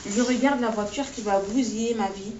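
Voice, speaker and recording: A woman author reading aloud from her own novel in a steady, measured way, in short phrases, in a classroom. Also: fairly high pitch, slight background noise. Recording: distant, echoey, dull-sounding recording.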